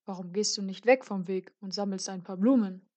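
A woman's voice: mid-range voice, brisk, a little mellow, lightly acted. A woman voicing a sly, hungry male wolf in a storybook reading, speaking in a coaxing tone.

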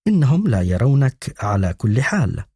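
A man's voice: mid-range voice, big pitch swings, moderate pace, a little mellow, husky, no room sound, clean studio sound. A man voicing an anxious complaining boy in an audiobook. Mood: whining. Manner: whining.

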